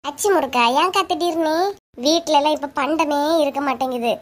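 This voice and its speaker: A woman's voice: sits high, normal speed. A woman with a Kanyakumari accent voicing a cheeky, teasing village woman in a cartoon. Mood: chatty. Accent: Kanyakumari Tamil. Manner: teasing, giggly. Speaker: voice artist.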